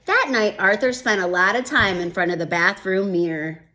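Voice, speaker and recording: Here a woman reads a picture book aloud at normal speed in a mid-range voice. Her storybook reading is gentle and expressive, interrupted by thinking-aloud comments like a teacher's.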